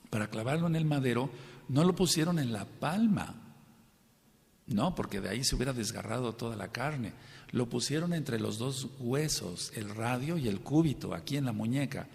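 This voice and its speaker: A man's voice: mid-range voice, creaky. A man preaching a teaching sermon to a congregation, stressing and repeating key points and asking his listeners questions. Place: congregation hall. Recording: long hall reverb.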